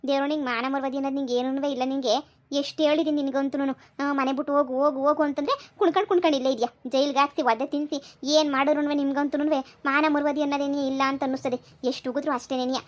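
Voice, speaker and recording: A woman playing a sharp-tongued village mother. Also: high-pitched, fairly even intonation, lightly acted. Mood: scolding. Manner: scolding, fast rustic nagging. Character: scolding rural village mother, middle-aged, sharp-tongued. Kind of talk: village comedy skit acting.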